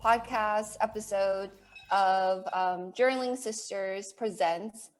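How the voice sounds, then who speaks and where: A woman in her forties hosting a casual podcast conversation, chatty and quick to laugh. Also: medium pitch, fairly even intonation, faint music behind, poor audio. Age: 40s. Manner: chatty, laughs easily, uses lots of fillers. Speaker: podcast host. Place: home in Maine, US.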